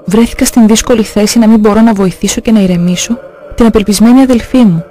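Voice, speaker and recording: A man slowly and solemnly reading out religious testimonies. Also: sits high, fairly even intonation, warm tone, faint music behind.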